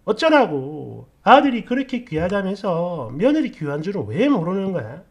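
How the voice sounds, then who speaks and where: A woman telling a story in a casual, blunt and sarcastic way, with an animated delivery. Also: lowish voice, normal speed, breathy edge, dull audio.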